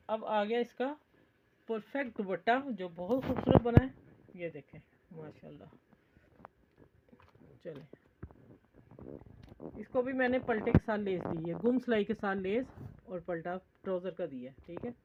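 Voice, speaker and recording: A woman's voice: medium pitch, phone-quality sound, a little hiss or hum. A woman with a Pakistani Urdu accent, teaching a stitching tutorial in a homely, chatty, encouraging way. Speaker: sewing teacher.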